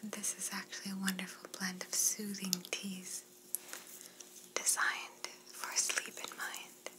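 Slow whispered role-play, courteous flight attendant acted by a woman. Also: mid-range voice, completely flat delivery, natural voice, poor audio. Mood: courteous, soothing. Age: young adult. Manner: attentive, polite flight attendant service talk. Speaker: ASMR performer playing a flight attendant.

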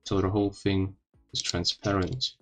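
A man hosting an informal coding tutorial in halting phrases, his speech a little odd and impeded after having his wisdom teeth out. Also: low voice, flat delivery, faint music behind, poor audio. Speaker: tutorial host.

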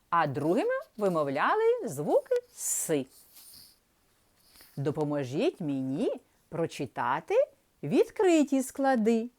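A woman teaching young children to read, speaking slowly and drawing out each sound in a sing-song way. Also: fairly low pitch, darkish tone. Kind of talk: primary school literacy lesson.

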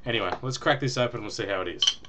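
Young guy rambling about a beer into his webcam at home, lowish voice, lots of ums. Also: very fast, noisy background. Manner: chatty, rambling, with frequent ums and small laughs. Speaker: beer reviewer. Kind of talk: casual home video review. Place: small room at home, indoors.

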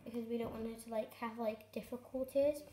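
A woman vlogging at home, chatting excitedly to camera in a rambling way with many fillers. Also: a little high, brisk. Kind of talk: casual chat to camera. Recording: echoey room with faint noise.

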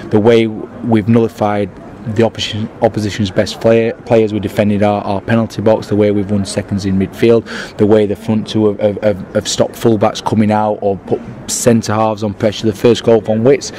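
Low, flat-voiced football manager. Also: male voice, moderate pace, slight background noise. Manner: proud, repetitive restarts. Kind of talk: post-match interview. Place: football stadium.

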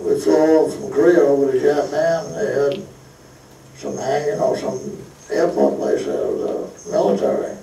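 An older man recalling his military service in a halting, plain-spoken way during a recorded interview. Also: fairly high pitch, vocal fry, mellow. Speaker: Korean War veteran interviewee. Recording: echoey room, distant mic, noise.

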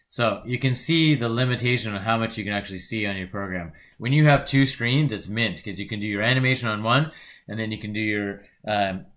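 A man giving a relaxed, rambling screen-recorded tutorial, often correcting himself as he clicks through software. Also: lowish voice. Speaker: instructor.

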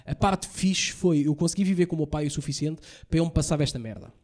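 A young man with a European Portuguese accent doing a stand-up set, telling profane stories rapid-fire and acting out the lines he quotes. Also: a little high, a little mellow. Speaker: stand-up comedian. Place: comedy stage before a live audience.

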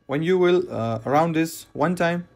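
Slow-talking man explaining knot tying. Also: on the high side, gravelly, darkish tone. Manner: plain, repetitive step-by-step instructions with non-native phrasing. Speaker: fishing knot instructor. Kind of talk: hands-on tutorial voice-over.

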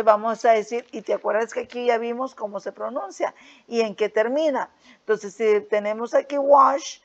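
A woman teacher patiently walking students through a worksheet, often checking in with little tag questions and sounding out English words slowly. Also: a little high, highs cut off. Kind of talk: recorded lesson explaining a worksheet.

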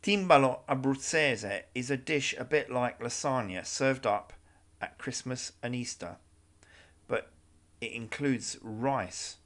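A man's voice: mid-range voice, slow pace, a bit bright. Man narrating a travel guide.

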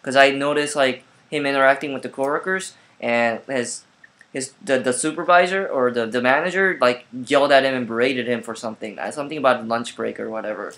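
A man's voice: mid-range voice, fairly quick, a bit bright. A man telling a casual vlog story at home, rambling with many fillers and restarts, recorded on his laptop webcam. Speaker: vlogger.

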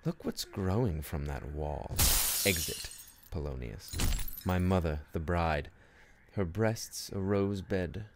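Man acting a low, brooding, unhinged Hamlet. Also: lively intonation, takes it slowly, exaggerated voice. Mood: sardonic. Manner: brooding, dramatic, sardonic, slipping into whispers and outbursts. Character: bitter, brooding, unhinged Hamlet, a tormented young prince. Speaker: performer in a student radio play. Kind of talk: theatrical radio-play monologue. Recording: noisy amateur recording with ambient effects.

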